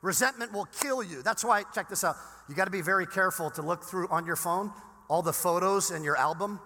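Bright-voiced male preacher in a reverberant hall. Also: high-pitched, fairly quick. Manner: animated preaching, swinging between loud emphasis and near-whispers. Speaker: pastor. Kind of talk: sermon.

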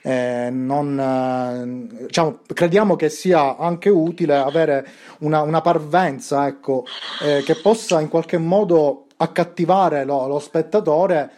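A man hosting a casual podcast, talking with a rough voice and rambling through many fillers and restarts. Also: a little high, takes it slowly, a little mellow. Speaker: podcast host.

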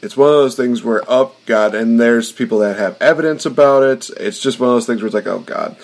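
A man's voice: mid-range voice, brisk. A man hosting a casual podcast, rambling through his points with lots of fillers. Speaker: podcast host.

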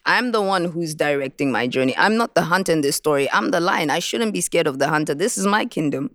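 Woman from Botswana, recording artist, reflective storyteller, smooth clear voice, dry close sound. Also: low voice, animated, fairly quick, dry recording. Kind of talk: interview about making a song.

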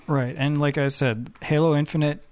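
A man co-hosting a gaming podcast, reasoning and calmly pushing back during a debate. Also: on the high side, moderate pace. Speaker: podcast co-host. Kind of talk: casual debate.

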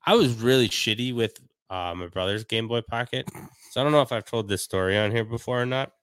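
A young man on a podcast telling a story in a relaxed, casual way, often laughing. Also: medium pitch, brisk, clean tone, dry recording. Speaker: podcast co-host. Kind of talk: casual chat.

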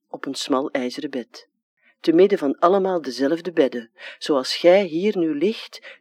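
A reader with a Flemish accent giving a slow, solemn dramatic literary reading. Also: mid-range voice, no echo, clean studio sound.

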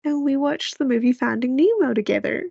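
Husky lo-fi woman telling stories. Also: high voice, brisk, no room sound. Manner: animated storytelling, acts out quoted voices. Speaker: podcast co-host. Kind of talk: casual chat. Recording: dull lo-fi sound.

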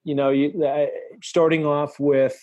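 A man's voice: on the high side, little pitch movement, a little slow, a little mellow, no echo. A middle-aged man hosting his podcast from a home studio, upbeat and enthusiastic, often restarting his sentences. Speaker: podcast host. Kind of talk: casual podcast talk.

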